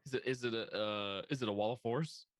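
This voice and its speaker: A man's voice: fairly low pitch, fairly quick, no echo. A man playing a tabletop game on an online call, chatting casually and playfully. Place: online group video call.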